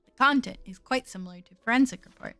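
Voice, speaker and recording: Woman reading as a measured, studious lady investigator. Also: a little high, vocal fry, fairly bright tone, clean tone, no room sound, faint music behind, pitched below the performer's own voice. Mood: pensive, analytical. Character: studious, pensive investigator of fairy deaths. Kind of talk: reading a visual novel aloud.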